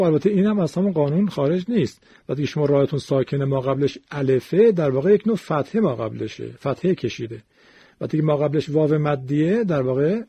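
A man teaches recitation rules patiently, stretching out each example word as he chants it. His voice is husky and mellow, with a lively, wide-ranging pitch. The recording is dry and close. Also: dry recording. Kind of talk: step-by-step explanatory lesson.

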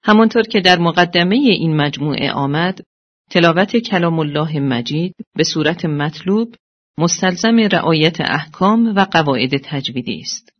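A narrator reading a formal lesson introduction in a measured way. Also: mid-range voice, animated. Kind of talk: scripted narration. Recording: dull lo-fi audio.

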